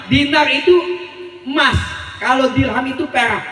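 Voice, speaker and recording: A man's voice: very high voice, normal speed, pushed and bright. A man preaching a sermon, telling a story and drawing answers back from the gathering. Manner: call-and-response with the crowd, storytelling. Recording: echoey hall, voice from far off.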